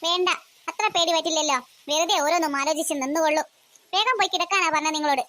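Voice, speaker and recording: A woman's voice: extremely high pitch, quick pace, pushed and bright. A woman voicing an impatient cartoon mother who scolds her children and sends them to bed. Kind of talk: cartoon voice acting.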